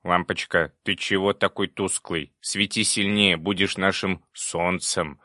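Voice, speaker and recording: A man voicing a cheerful, chatty little male demon who talks briskly. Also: low voice, steady tone, sharp tone, no echo, clean studio sound. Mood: teasing.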